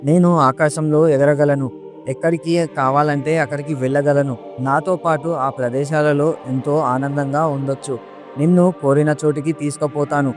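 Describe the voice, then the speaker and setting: Man narrator voicing a young demoness, earnest and pleading, even and flat delivery, faint music behind. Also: a little high, normal speed, close to an everyday voice.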